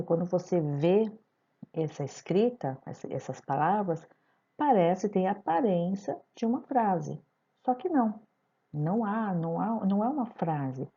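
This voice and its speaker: Gravelly-voiced Brazilian woman teacher. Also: medium pitch, mellow. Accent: Brazilian Portuguese. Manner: didactic, addresses students directly with questions. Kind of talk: narrated recorded lesson. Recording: dull lo-fi voice-over recording.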